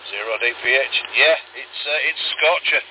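A man's voice: mid-range voice, moderate pace. A man chats casually as an amateur radio operator, speaking over a mobile two-way radio with call signs. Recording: noisy, narrowband mobile radio transmission.

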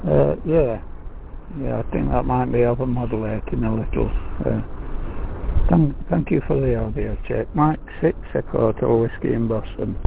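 A man with a very gravelly voice comes through a two-way radio, his sound thin and phone-like under a faint hiss. He calls in as an amateur radio operator and spells out call signs in the phonetic alphabet. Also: mid-range voice, moderate pace. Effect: heard over a two-way radio.

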